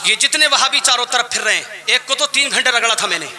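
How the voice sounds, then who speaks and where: A man preaching an impassioned religious speech at a large gathering, often rising to shouts and stretching phrases for emphasis. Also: extremely high pitch, expressive, fast talker, long reverb tail, heavy background noise. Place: large outdoor gathering with loudspeakers.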